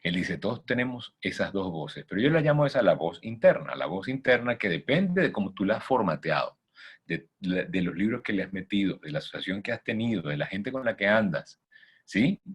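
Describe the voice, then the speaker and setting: A man's voice: low-pitched, sing-song, a little fast, slightly rough. A man giving a motivational talk as a coach, emphatic and asking listeners rhetorical questions. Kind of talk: motivational talk with faith content.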